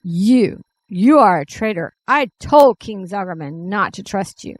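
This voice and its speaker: A woman voicing an angry gorilla man who shouts accusations in a storybook reading. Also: mid-range voice, lively intonation, unhurried, slightly rough. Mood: accusing. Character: angry gorilla man, a hostile animal person.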